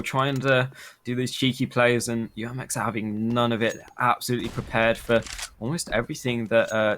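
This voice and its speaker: A man giving esports caster commentary and analysis in a conversational way. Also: mid-range voice. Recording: background noise, game gunfire and clicks.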